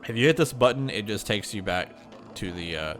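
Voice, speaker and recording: Speaking fairly quickly and expressively, this man has a fairly low, fairly bright voice with a slight nasal congestion from a mild sinus issue. He hosts a gaming channel and chats his way through a game in loose, meandering commentary, often saying um and correcting himself.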